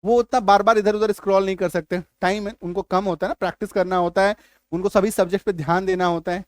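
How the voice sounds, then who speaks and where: A man with a notably high voice teaches English pronunciation on a video channel. He keeps checking that viewers follow along and punches out key sounds loudly before easing back. The recording is close and dry, with no room sound. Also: steady tone, fast talker, no echo. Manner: repeats "ठीक है?" and "है ना?" to check understanding; stresses key sounds loudly, then drops back to conversational. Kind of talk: YouTube English lesson.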